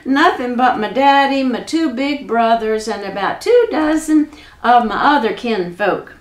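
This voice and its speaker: This is a sly, clever young country fellow with a folksy drawl, as a woman storyteller puts him on. He speaks slowly and a bit high, and the voice sounds roomy and echoey. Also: animated.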